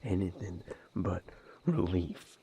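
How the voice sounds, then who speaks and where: This male actor plays a tormented, weary lover in a vampire romance audio drama, comforting his partner while seeking comfort himself. His deep, breathy, gravelly whisper is very slow, halting and hushed, animated yet fraught with long pauses. A little hiss or hum sits under this intimate roleplay.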